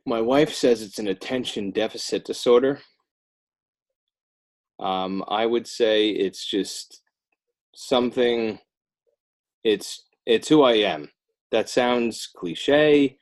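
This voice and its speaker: In a mid-range voice, slowly and with long pauses, an American man from northern New Jersey chats as a podcast guest. He's an author and illustrator who rambles through the casual interview with self-deprecating humor.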